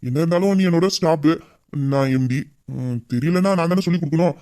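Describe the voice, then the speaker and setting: A man's voice: on the high side, fast, mellow. A man playing a teasing, bossy male boss. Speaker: boss voicing a romantic male lead. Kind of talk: Tamil audio drama acting.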